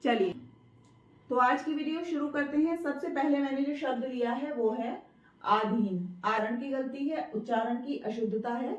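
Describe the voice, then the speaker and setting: A woman's voice: high voice, measured pace. A woman hosting her channel and teaching spelling, patiently saying each word again and asking and answering her own questions. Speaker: Hindi teacher and channel host. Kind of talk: spelling lesson to camera. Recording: roomy, distant, dull sound.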